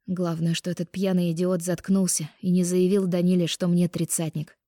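A woman reading a first-person romance audiobook in an expressive, intimate way on a close microphone. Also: lowish voice, normal speed, no echo. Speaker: audiobook narrator.

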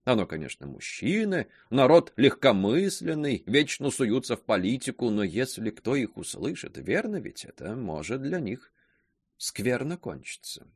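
A man's voice: medium pitch, big pitch swings, husky, dry recording, clean studio sound. A man reading aloud voicing a gossipy old spinster woman who talks in sly, insinuating hints. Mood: sly gossip. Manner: insinuating, drawn-out pauses.

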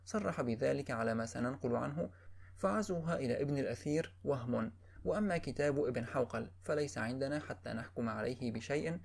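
A man giving a steady, measured formal reading of a classical history book. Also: mid-range voice, vocal fry.

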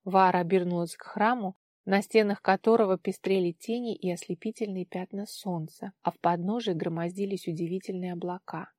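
A woman narrating an audiobook with an expressive, steady reading. Her voice sits in a middle register. The sound is dry and close. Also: medium pitch, a little fast, no room sound. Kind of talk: scripted narration.

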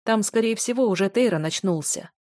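A woman reading an audiobook, voicing a calm noble father who speaks in a firm, measured way. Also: medium pitch, no echo, studio quality, close to an everyday voice.

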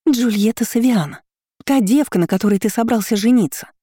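A reader voicing a jealous young woman in an audiobook, shrill and breaking with tears. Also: normal speed, warm tone, no echo, clean studio sound, close to an everyday voice. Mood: tearful anger. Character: tearful jealous young woman, fiery and desperate. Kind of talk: audiobook character voice.

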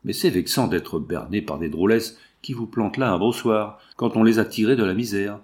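Low-voiced guy reading a vexed jilted young man, grumbling and sulky, audiobook. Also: moderate pace, a little mellow, lightly acted.

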